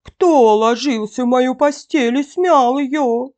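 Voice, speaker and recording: A woman voicing a mother bear in a storybook, growling but not too loudly. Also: sits high, slow pace, voice pushed up. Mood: indignant. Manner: growling, less loud. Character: mother bear, grumbling but less fierce.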